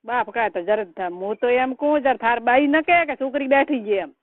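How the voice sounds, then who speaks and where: A middle-aged relative phones to give advice, scolding in colloquial speech with a rural Rajasthani Marwari accent. Her voice is on the high side with lively intonation and a fairly quick pace. Though the recording is dry, the private call comes through a tinny line with noise.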